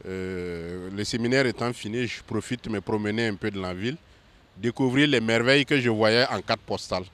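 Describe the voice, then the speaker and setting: A man's voice: lowish voice, normal speed, a bit bright. A man from Burkina Faso, earnestly answering a street interview.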